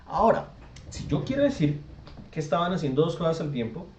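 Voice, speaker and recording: A man's voice: on the high side, sing-song, fairly quick, darkish tone, a little hiss or hum. A man teaching an online English class, explaining grammar step by step and checking often that students follow. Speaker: English tutor. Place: virtual classroom session. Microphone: video call. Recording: echoey lo-fi video call audio.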